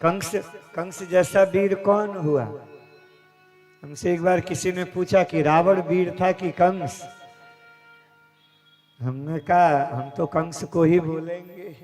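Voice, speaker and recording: A man telling a devotional story as a sermon, slowly and dramatically, acting out the dialogue. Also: high voice, steady tone, darkish tone, faint music behind. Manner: slow, dramatic retelling with acted dialogue. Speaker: kathavachak, religious storyteller. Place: religious gathering, live event.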